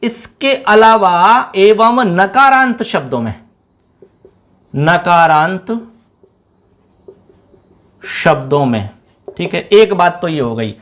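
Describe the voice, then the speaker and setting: A man's voice: sits high, very animated, extremely slow, long pauses, fairly bright tone. A male teacher explaining a lesson to students, repeating each word and quizzing them as he goes. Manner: repeats words, quizzes the class; sings a line of a song.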